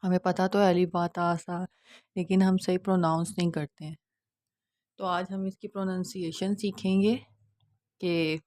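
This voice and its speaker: Patient, reassuring woman teacher, low voice. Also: dry recording, studio quality. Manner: patient, reassuring, models letter sounds slowly and stresses them; often checks in with the listener. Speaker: Quran recitation teacher. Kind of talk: explanatory online lesson.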